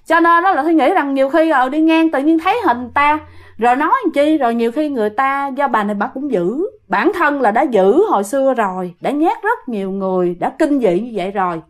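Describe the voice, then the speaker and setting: A woman's voice: sits high, animated, a little fast. A young woman casually retelling a listener's ghost story, chatty, slipping into the voices of the people in it.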